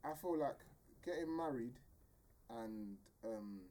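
A man's voice: medium pitch, animated, slow pace, dark tone. A man in his twenties with a London roadman accent, giving opinions in casual street slang and often checking he is understood. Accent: London roadman, urban street. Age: 20s.

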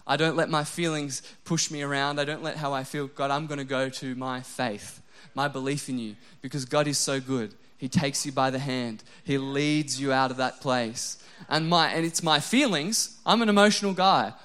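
A young adult man preaching a sermon, animated and self-deprecating, dropping to a soft, low voice when he voices prayers. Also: moderate pace, hardly any pauses, clear, resonant tone. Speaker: pastor.

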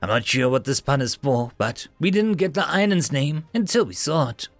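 A man's voice: on the high side, animated, normal speed, dry recording, soft background music. A man voicing a cheerful, teasing young male explorer in an upbeat way.

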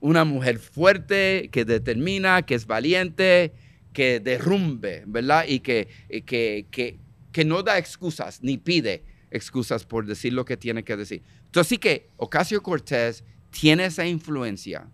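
A man from Puerto Rico with a Puerto Rican Spanish accent speaks in a medium-pitched, slightly bright voice, expressive and unhurried. As a guest in a political interview, he talks emphatically, repeats himself, and slips into English phrases.

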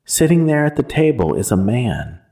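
A man narrating a first-person horror story in a measured, somber way. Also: mid-range voice, sing-song, creaky, warm tone.

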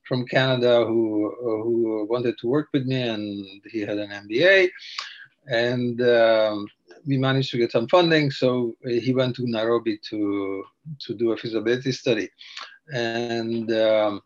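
A man's voice: medium pitch, steady tone, measured pace, dull audio. An older man from Slovakia, a podcast guest telling his story in a meandering, hesitant way. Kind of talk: casual interview.

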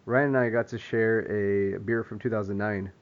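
A man's voice: fairly low pitch, level tone, normal speed, slight background noise. Laid-back man on a dull podcast mic. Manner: laid-back, laughs easily, swears. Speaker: podcast co-host. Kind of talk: casual chat.

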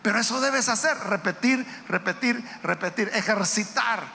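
A man preaching in a very high, bright, forceful voice, climbing into shouts as he urges his listeners on. He is heard through the long reverb of a church hall. A faint noise sits behind him. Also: moderate pace, creaky. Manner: impassioned preaching, rising to shouts. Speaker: pastor. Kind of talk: sermon.

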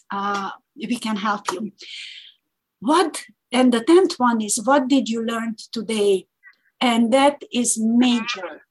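Halting woman podcaster, slightly high voice. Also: breathy edge, rough recording. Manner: halting, with frequent "uh" and restarts. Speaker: podcast co-host. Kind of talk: casual podcast chat.

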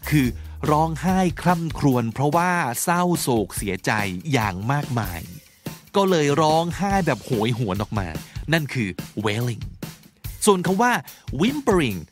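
Male podcast host, mid-pitched voice with an animated, swinging delivery, faint music underneath. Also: a little slow. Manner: spells words letter by letter and explains them; lively, friendly chat. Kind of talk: podcast vocabulary lesson and casual chat.

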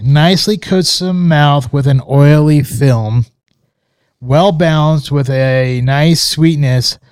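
A man with a smooth, slightly high voice co-hosts a podcast, casually rambling through a scotch review with many fillers and restarts. He sounds relaxed but hesitant. There's no echo, just clean studio sound.

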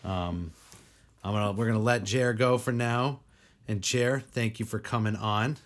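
A man's voice: on the low side, steady tone, normal speed. Rambling, cussing casual male podcast host. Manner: rambling, swears freely, lots of "like". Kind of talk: casual chat.

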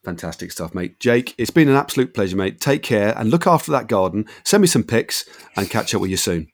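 Podcast host: middle-aged British man, lower-pitched, very animated delivery, chummy and enthusiastic. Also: fairly quick. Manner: matey, enthusiastic, effusive. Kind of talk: casual chatty interview.

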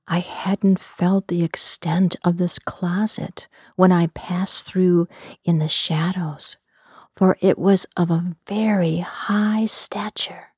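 A woman narrating a fantasy story in a soft, unvoiced whisper for ASMR. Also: medium pitch, breathy edge, no echo, studio quality.

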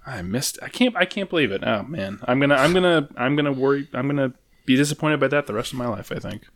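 A man co-hosting a casual podcast, reacting excitably with exclamations and laughs. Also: mid-range voice, fairly quick. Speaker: podcast co-host. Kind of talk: casual chat.

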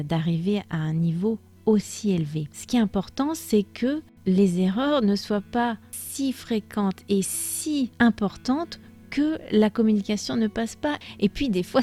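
A woman gives a podcast lesson to language learners, her voice warm and mellow. She explains in a calm, measured way, often stopping to think with a soft "euh". Faint music plays underneath. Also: medium pitch. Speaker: French teacher.

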